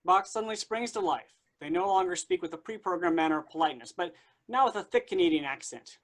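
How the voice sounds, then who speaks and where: A man's voice: high-pitched, expressive, fast talker. A man narrating a tabletop game as game master in a dry, matter-of-fact way.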